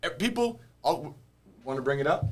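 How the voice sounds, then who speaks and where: A man, a youth basketball coach, giving opinions in lively casual chat. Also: a little high, moderate pace.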